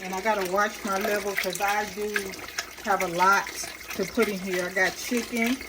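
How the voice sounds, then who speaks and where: A woman talks her viewers through cooking in a relaxed, homey way, pausing on ums and restarting her sentences as she works. Her voice sits at an ordinary middle pitch. Clanking pots and running water are clearly heard in the kitchen around her. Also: heavy background noise. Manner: talks to viewers while stirring and adding ingredients. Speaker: cooking channel host. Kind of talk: casual cooking demonstration.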